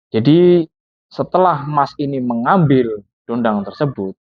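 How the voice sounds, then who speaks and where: A man's voice: medium pitch, dry recording, lightly acted. A man doing a grieving, earnest father. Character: grieving middle-aged father haunted by his dead daughter. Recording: tinny phone-like, dry.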